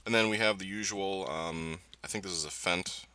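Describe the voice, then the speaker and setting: A man's voice: low-pitched, moderate pace, clear, resonant tone. A man with a voice affected by being sick gives casual let's play commentary as a gaming host, hesitant and thinking aloud. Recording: loud music behind voice. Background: game music and vehicle engine sounds.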